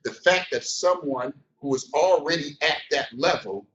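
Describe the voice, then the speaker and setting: Here a man whose voice sits on the high side takes his time through a business motivation session, acting out scenes as he tells colloquial, lively stories. The recording is distant and dull, with noticeable room echo.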